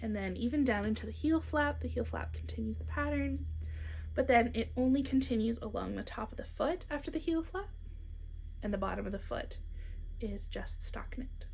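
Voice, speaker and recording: In a creaky, fairly high voice at a moderate pace, a young knitwear designer chats through a casual show-and-tell on her podcast, hiccuping now and then. She's upbeat and talkative with soft asides, and the recording has a little hiss or hum.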